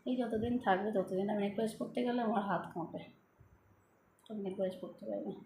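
A middle-aged woman vlogging at home into her phone. She speaks with a soft, slightly lisping, childlike manner and takes her time over words to say them clearly. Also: mid-range voice, fairly even intonation, quick pace, echoey room, slight background noise. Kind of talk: casual chat to viewers. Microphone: phone camera.

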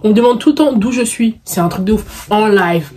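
Her voice is mid-range, brisk and warm as she playfully fields viewer questions to camera. The early-twenties vlogger, of Congolese descent from the Paris suburbs, talks in slangy French with that suburban accent, mixing in English catchphrases.

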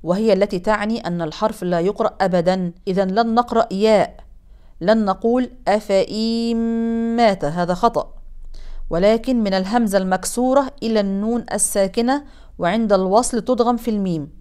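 Brief: woman, recitation teacher; smooth, resonant voice, mid pitch; quick explanations, slow drawn-out examples. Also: a little mellow. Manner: explains rules briskly, then drags out example words slowly.

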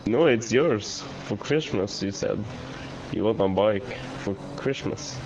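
A man with a fairly low voice talks slowly and casually while role-playing in an online game. There is faint noise in his voice chat. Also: highs cut off. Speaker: online role-play player.

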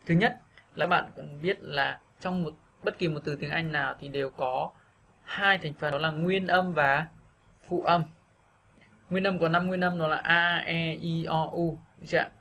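A man teaching a video lesson on English pronunciation, patiently repeating words slowly for practice. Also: a little high, fairly even intonation, gravelly, bright, forceful tone, a little hiss or hum.

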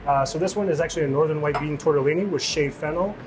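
A man's voice: on the high side, fast talker, noisy background. A middle-aged man from Illinois, a chef, casually walking through his dishes with many fillers, on a lapel mic in a restaurant kitchen. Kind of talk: interview, describing dishes.

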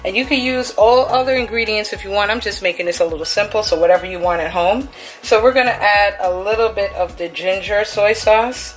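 A woman's voice: medium pitch, a little fast, faint music behind. A woman filming a casual cook-along in her home kitchen, chatty and upbeat as she talks through each step. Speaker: cooking vlogger.

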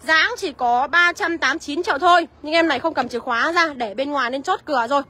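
A woman selling used cars on a live walkaround, listing prices briskly and calling out to viewers by name. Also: sits high, bright, forceful tone. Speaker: used car seller.

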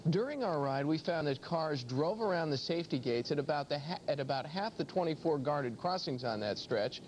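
A man's voice: expressive, fairly quick, darkish tone. A man in his thirties narrating a scripted television news report as the reporter. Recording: noisy VHS newscast with vehicle rumble.

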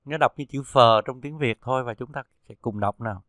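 A man teaching pronunciation, reading syllables one by one in a slow, deliberate drill. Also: medium pitch, fairly bright tone, dry recording. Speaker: Chinese pinyin teacher.

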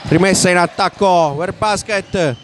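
A man with an Italian accent giving live basketball play-by-play commentary from a sports hall, raising his voice excitedly at big plays. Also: high voice, measured pace. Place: indoor basketball arena. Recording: noisy sports hall ambience.

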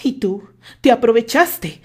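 A woman's voice: fairly high pitch, animated, moderate pace, a little mellow. A woman voicing a proud, jealous young man who speaks in a raised, emphatic way. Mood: angry.

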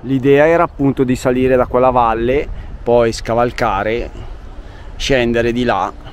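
A man's voice: mid-range voice, steady tone, measured pace, lo-fi sound, slight background noise. Man vlogging on a mountain hike. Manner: chatty, thinking aloud while walking. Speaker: hiking vlogger. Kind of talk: casual hiking narration to camera. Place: outdoors on a mountain road and forest trail. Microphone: camera carried while hiking.

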